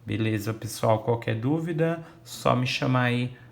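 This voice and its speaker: A man's voice: medium pitch, measured pace, vocal fry. A man teaching a grammar lesson, patiently sounding out syllables.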